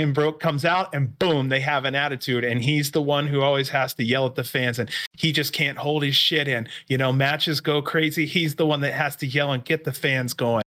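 A man's voice: mid-range voice, bright, forceful tone. A man co-hosting a podcast, chatting casually and joking with his co-host. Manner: joking, laughs between remarks. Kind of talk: casual chat.

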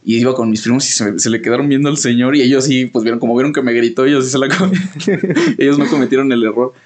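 A man's voice: medium pitch, quick pace. A young man with a Mexican Spanish accent chatting casually on a podcast, telling a rambling story full of slang and fillers. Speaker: podcast co-host. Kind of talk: casual conversation.

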